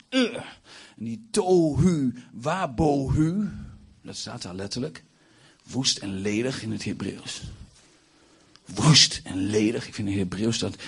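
A man in his forties preaching a sermon, nearly hoarse, swinging from hushed talk to loud bursts. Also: fairly low pitch. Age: 40s. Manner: animated, swings from hushed to shouting.

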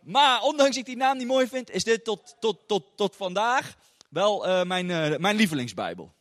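A man's voice: high voice, big pitch swings, normal speed, fairly bright tone. A man with a Dutch accent preaching a sermon in a church hall, chatty and informal, often adding little tag questions. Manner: chatty, with frequent tag questions and filler sounds. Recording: long hall reverb.

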